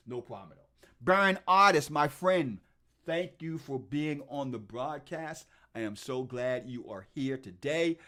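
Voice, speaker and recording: A middle-aged man hosts a livestream for his real estate investing channel, enthusiastically shouting out viewers by name. In his mid-range voice, he upbeatly tours the channel, talking through his video playlists.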